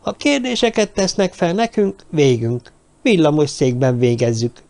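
A man's voice: a little high, lively intonation, vocal fry, darkish tone. A man voicing a fearful, gloomy dwarf woman who talks in an agitated way. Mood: desperate. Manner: agitated, pessimistic.

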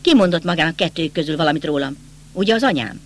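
A man's voice: on the high side, lively intonation, a bit bright, a little hiss or hum. A man voicing a bitter, agitated young nobleman in an audiobook, speaking insistently and accusingly. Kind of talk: audiobook character reading.

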